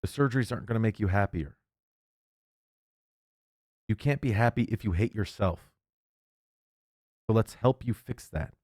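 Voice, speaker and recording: A man's voice: lowish voice, lively intonation, moderate pace, pauses often, a little mellow, no echo, clean studio sound. A man reading an article aloud and breaking off into heated, indignant commentary, often stumbling and restarting. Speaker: political commentator.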